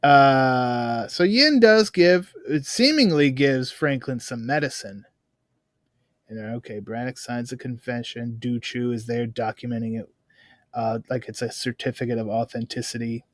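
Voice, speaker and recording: A man's voice: medium pitch, no echo. Man retelling a film plot in a dry room. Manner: lively plot retelling with quick asides. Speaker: podcast host. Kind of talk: casual film-review chat.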